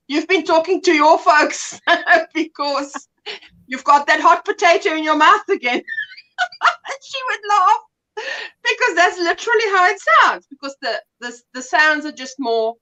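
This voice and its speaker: South African woman, high bright voice, lively storyteller, casual chat. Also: rough recording. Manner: animated storytelling, laughs often.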